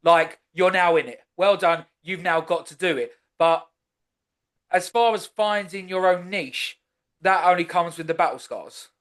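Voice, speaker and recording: High-voiced man hosting a chatty podcast. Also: measured pace, fairly bright tone. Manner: rambling, chatty, many restarts. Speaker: podcast host. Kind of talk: casual podcast chat.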